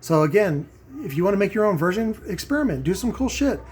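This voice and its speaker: A middle-aged man with a high, sing-song, husky voice and a darkish tone hosts a home audio review vlog, talking quickly in a casual, opinionated monologue to viewers. He rambles and gets emphatic, repeating phrases for stress and often checking in with "right?" and "okay?".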